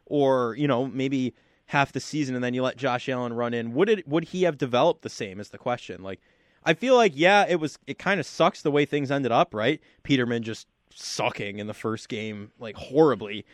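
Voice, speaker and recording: A man's voice: mid-range voice, moderate pace, dry recording. A man hosting a radio sports talk show, speaking casually and using plenty of fillers. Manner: chatty, filler-heavy. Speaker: radio host. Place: radio studio.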